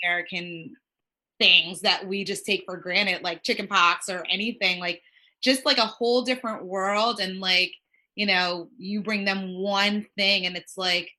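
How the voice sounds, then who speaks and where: This child life specialist talks at a normal speed in a mid-range voice, drifting from topic to topic in relaxed podcast conversation. "Like" crops up constantly, and she acts out what others said with spirited impressions.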